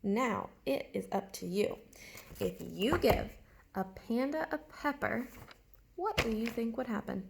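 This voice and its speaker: Over a noisy background, a woman teaches young kids how to write, walking them through each step with questions and spelled-out words. She's an early elementary teacher whose slightly high voice has lively intonation, a measured pace and vocal fry.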